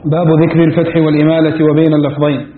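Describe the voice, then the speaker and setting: A man reading a classical text aloud for his teacher, in a steady, even recital. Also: fairly high pitch, racing, slight background noise. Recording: tinny phone-like audio, echoey hall.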